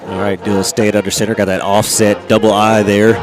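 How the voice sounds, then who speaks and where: A man calling a local high school football game on radio, stuffy from a head cold, reading sponsor spots between plays. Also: little pitch movement. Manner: brisk play calls and read sponsor spots. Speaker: play-by-play announcer. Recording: outdoor stadium with band music and crowd.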